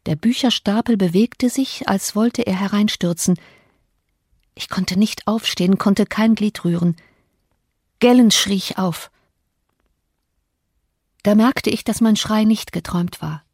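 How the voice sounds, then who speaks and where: A woman reading a classic novel as an audiobook narrator, measured and dramatic, on a close studio mic. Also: mid-range voice, a little mellow, breathy edge, no echo.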